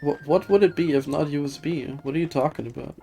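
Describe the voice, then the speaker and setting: A woman game streamer with a deep, mellow voice and vocal fry talks fast in a casual livestream chat. She rambles and hesitates while thinking aloud, with music in the background, picked up by a streaming setup with a webcam.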